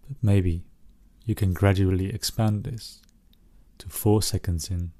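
Deep, mellow man guiding soothing relaxation. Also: steady tone, unhurried, dry recording. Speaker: guide of a relaxation recording. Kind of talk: soothing guided relaxation narration, like a sleep story narrator.

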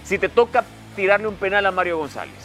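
Man, teasing podcast host, somewhat high voice, faint music behind. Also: expressive, quick pace, fairly bright tone. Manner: teasing, needling questions. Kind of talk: casual sports talk.

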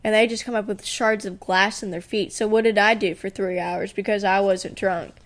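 A woman's voice: medium pitch, steady tone, normal speed. A woman in her twenties co-hosting a casual podcast, telling anecdotes bluntly with slang, swearing and acted-out quotes. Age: 20s. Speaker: podcast co-host.

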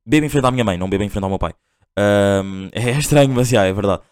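A man's voice: fairly low pitch, quick pace, clean tone. A young man with a European Portuguese accent, hosting a podcast and telling a story in a rambling, slang-heavy way with lots of fillers and restarts. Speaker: podcast host. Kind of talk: casual storytelling monologue.

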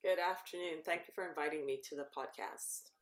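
A woman's voice: deep voice, a little fast. A woman, a cancer researcher explaining her work at length as a podcast guest and correcting herself with ums. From Barbados. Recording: roomy echo.

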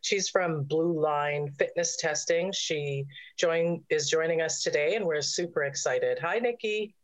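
A woman's voice: low-pitched, a little slow. A woman co-hosting a podcast, introducing the guest and asking questions in an encouraging way. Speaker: podcast co-host. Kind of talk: casual podcast interview.

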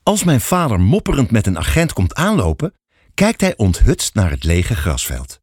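A man narrating a children's audiobook fairy tale in an expressive storytelling manner. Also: lowish voice, normal speed, husky, no room sound, clean studio sound.

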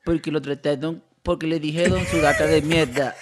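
A man's voice: a little high, steady tone, normal speed. A man hosting a podcast, teasing his co-host in casual chat. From Latin America. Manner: teasing, acts out mocking voices.

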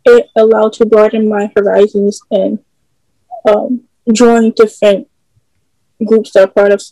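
A woman's voice: mid-range voice, little pitch movement, unhurried, warm tone, dry recording, low-quality recording. A young woman from the Philadelphia area, a guest on a video-call panel, who answers briefly and matter-of-factly. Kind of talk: casual chat.

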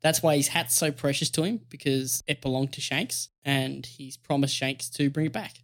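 A mid-pitched co-host on a casual podcast, animatedly recapping story beats. The delivery is eager and explanatory, often breaking into giggles. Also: fairly even intonation, moderate pace.

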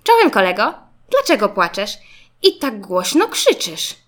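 A woman's voice: medium pitch, huge pitch swings, unhurried, fairly bright tone. A woman voicing a friendly, reassuring little boy car in a children's storybook, eager and upbeat. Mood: kind. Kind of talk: storybook reading.

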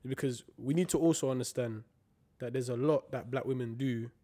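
A man's voice: medium pitch, fairly quick, dark tone. A young man with a London roadman street accent, chatting casually and emphatically in slang as a podcast co-host, repeating phrases for stress. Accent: London, multicultural street slang.

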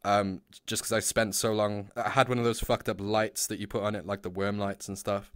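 Low-voiced laughing young podcast host. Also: male voice, little pitch movement, a little fast, clear, resonant tone, no echo, studio quality. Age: 20s. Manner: laughing, swearing, rambling. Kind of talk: casual chat.

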